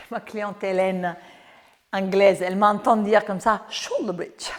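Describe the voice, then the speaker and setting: Speaking slowly at a medium pitch that barely moves, this Italian-accented woman runs a Pilates session, calling out breathing cues and trading jokes with viewers in a chatty, encouraging way. Her lapel mic sits in her clothing, and the sound carries a long reverberant tail.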